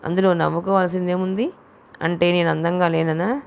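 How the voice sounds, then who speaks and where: A woman's voice: on the low side, steady tone, a little fast, gravelly, darkish tone, clean tone. A woman reading a novel aloud as an audiobook narrator, telling the story steadily and reading the dialogue without separate character voices. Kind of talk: scripted narration of a novel, voicing all characters.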